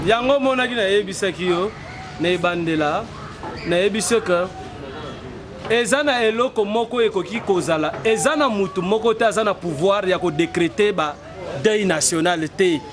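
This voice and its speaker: A man in his forties, giving an earnest street interview and building to emphatic, rhetorical declarations. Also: high-pitched. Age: 40s. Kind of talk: street interview, mixing French and Lingala. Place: outdoors on a city street. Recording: noisy street with passing traffic.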